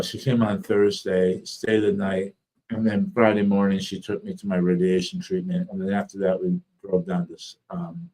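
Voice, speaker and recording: A man's voice: on the low side, darkish tone, rough recording. A man with thick, slurred speech from a swollen tongue, weakened and fatigued, chatting casually on a livestream as an author and host.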